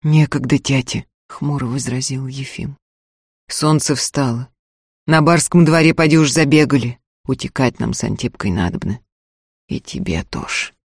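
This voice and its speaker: A man reading an audiobook, voicing a young peasant man who speaks in a flat, lifeless, frozen voice. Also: medium pitch, normal speed, husky, no echo, clean studio sound, pitched below the performer's own voice. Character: young peasant man, cold and numb with despair.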